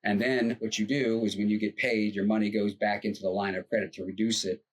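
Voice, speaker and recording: A man from the United States with a lowish, breathy-edged voice talks fairly quickly and flatly as co-host of a casual podcast. As a financial advisor, he goes on earnestly about money, rambling and explaining at length with restarts and fillers.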